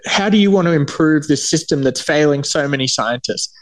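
A man's voice: a little high, a little fast. An Australian man in his thirties, a scientist, telling a story in an interview, often laughing at himself. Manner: laughing, self-deprecating, animated retelling. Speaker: cancer scientist.

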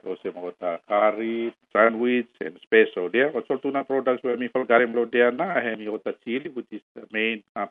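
A man with a Solomon Islands accent answering interview questions haltingly in Solomon Islands Pijin mixed with English. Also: lowish voice. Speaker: company marketing manager being interviewed. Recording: tinny, phone-like radio audio.

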